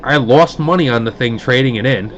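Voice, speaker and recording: A man's voice: mid-range voice, brisk. A man chats casually on a stream, spinning a long complaint and jumping into other people's voices as he quotes them. His voice sits in an ordinary middle register. The audio is muffled and lo-fi. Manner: animated, acts out quoted dialogue; indignant, grumbling. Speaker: card break host. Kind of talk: casual storytelling.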